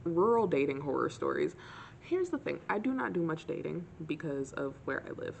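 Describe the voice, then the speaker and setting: Gravelly-voiced sarcastic young woman. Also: low voice, moderate pace, a little hiss or hum. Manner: sarcastic, animated storytelling. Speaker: vlogger. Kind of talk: casual storytime chat.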